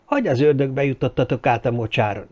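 A male narrator voicing a jovial, overjoyed grown man who exclaims in excitement. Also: medium pitch, dull audio, close to an everyday voice.

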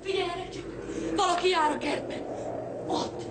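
A woman's voice: fairly high pitch, expressive, noisy background, natural voice. An actress dubbing an older woman, the dead man's mother-in-law, in a film, speaking in alarmed, emphatic bursts. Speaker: dubbing actor. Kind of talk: dubbed film acting.

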